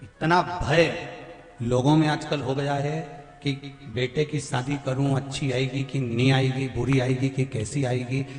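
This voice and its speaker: A man preaching a devotional sermon in a folksy, sing-song storytelling way, swinging between soft asides and loud exhortations. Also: mid-range voice, level tone, unhurried. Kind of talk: devotional sermon to a large gathering. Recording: echoey hall with faint music.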